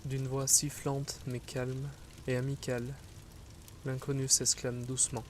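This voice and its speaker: Guy narrating a fantasy adventure, mid voice, really flat and measured, bit of background ambience. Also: mid-range voice, a little hiss or hum. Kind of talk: scripted second-person fantasy narration.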